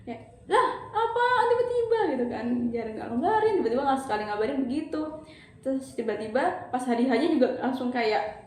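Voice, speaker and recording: A young adult woman telling a counselor a personal story in a casual, animated way, acting out quoted dialogue with lots of fillers. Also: on the high side, quick pace. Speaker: counseling client. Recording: very echoey room with faint background noise.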